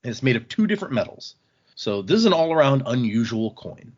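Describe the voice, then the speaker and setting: A man with a mid-range, sing-song voice talks fairly quickly on a muffled recording. He hosts a casual book podcast, recapping a novel in a conversational way, loosely voicing the characters' lines and swearing now and then.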